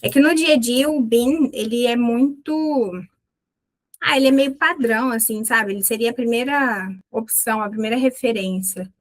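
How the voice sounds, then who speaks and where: A woman as a friendly, talkative English teacher leads a live lesson, her voice a touch high. She stretches out example phrases slowly and repeats them so students can follow, then drops back into quick casual asides. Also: low-quality recording. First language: Portuguese.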